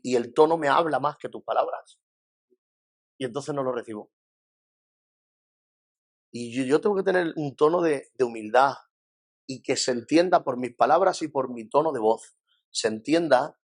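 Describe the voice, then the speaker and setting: A man's voice: mid-range voice, moderate pace, long pauses. A man with a Spain Spanish accent, a pastor giving a conversational church lesson, acting out what people say and asking rhetorical questions. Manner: lively, acts out quoted voices, rhetorical questions.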